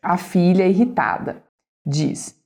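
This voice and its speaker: A woman's voice: on the low side, animated, takes it slowly, creaky, darkish tone. A woman reading a parenting book aloud and commenting on it, asking her listeners rhetorical questions. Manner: explanatory, asks the audience rhetorical questions. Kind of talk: commented read-aloud lesson.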